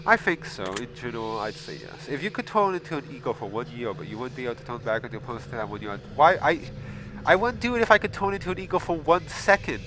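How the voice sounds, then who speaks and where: A man hosting a casual gaming video, reading questions aloud and answering them bluntly, with frequent swearing and loud exasperated outbursts. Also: mid-range voice, expressive, fast, background noise. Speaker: gaming channel host. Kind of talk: casual game commentary.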